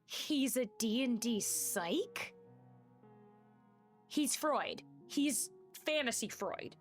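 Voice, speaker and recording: A woman streaming a story game live, reacting playfully and excitedly, with quiet music behind. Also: fairly high pitch, drawn-out words.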